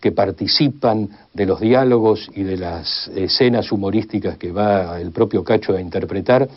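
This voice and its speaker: Speaking at normal speed in a low-leaning voice, an Argentine-accented radio history expert delivers measured, formal exposition. He strings together long enumerations across extended sentences, and the recording comes through slightly dull and band-limited.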